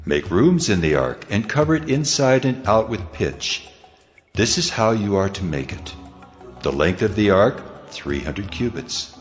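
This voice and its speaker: An actor playing God in a dramatized scripture reading, a solemn almighty deity speaking in a grave, commanding, declamatory way. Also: male voice, lowish voice, very animated, unhurried. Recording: long cavernous reverb over music.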